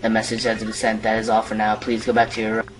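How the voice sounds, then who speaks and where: A man's voice: on the low side, completely flat delivery, quick pace, distant mic, faint music behind, close to an everyday voice, poor audio. A man voicing a formal, clipped male quiz computer in a video game.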